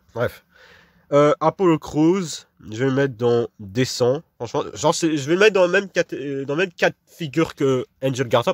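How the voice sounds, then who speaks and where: A man's voice: medium pitch, no echo, studio quality. A young man casually rambling through wrestler rankings in slangy, dismissive talk full of fillers. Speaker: wrestling commentator ranking a roster. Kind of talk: casual monologue.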